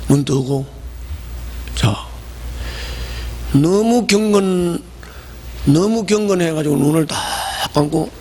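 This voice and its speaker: Korean pastor guy preaching, high gravelly voice, big echoey church. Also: a little hiss or hum. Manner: animated, storytelling, talks to the congregation. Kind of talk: sermon. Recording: long hall reverb.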